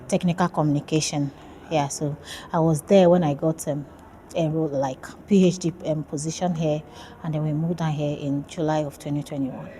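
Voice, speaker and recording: In a casual interview, a woman from Nigeria talks through her PhD research in a friendly, hesitant way, peppered with fillers. Her voice sits low with a warm tone, and a faint hiss or hum can be heard.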